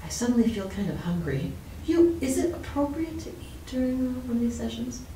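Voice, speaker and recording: A woman's voice: fairly high pitch, big pitch swings, a little fast, warm tone, slight background noise. A woman playing a fussy, anxious patient. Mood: fretful. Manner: chatty, rambling, repeats herself. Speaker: therapy client in a sketch. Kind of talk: improvised role-play. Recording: echoey room, distant mic.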